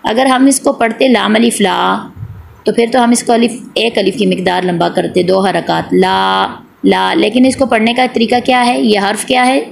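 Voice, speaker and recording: A woman's voice: a little high, normal speed, creaky, a little hiss or hum. A woman teaching Quran recitation in an online class, patiently repeating each point, asking and answering her own questions, and drawing out vowel sounds to demonstrate. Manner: draws out the long vowel sounds when demonstrating.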